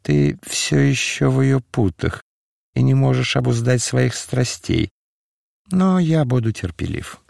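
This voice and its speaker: A man voicing a mysterious male stranger who speaks calmly, dispassionately and with faint mockery. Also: mid-range voice, unhurried, creaky, no room sound, clean studio sound, voice pushed up, exaggerated voice. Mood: cryptic, wry. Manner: calm, dispassionate, faintly mocking. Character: mysterious calm male stranger, cryptic and mocking.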